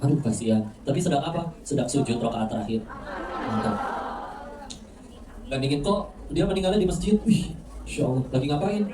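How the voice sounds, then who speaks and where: A man's voice: mid-range voice, a little fast, pauses often, heavy background noise. A man preaching a casual, joking religious lecture to a crowd, often asking them questions and tagging lines with "ya". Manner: conversational, asks the crowd questions, frequent "ya". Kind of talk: lively religious lecture with jokes and audience questions. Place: mosque hall. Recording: echoey hall, mic heard from a distance.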